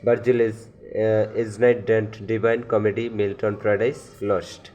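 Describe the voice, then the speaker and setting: A Bangladeshi-accented man gives a lesson, reading out terms and explaining each in turn. He talks very slowly in a darkish, mellow, fairly low voice. He moves between English and Bengali and pauses on long fillers. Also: flat delivery, faint music behind. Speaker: teacher.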